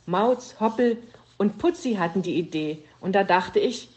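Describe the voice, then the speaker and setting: A woman's voice: mid-range voice, lively intonation, a little slow, darkish tone, muffled recording, natural voice. A woman voicing an earnest, eager little hedgehog boy in a children's story reading.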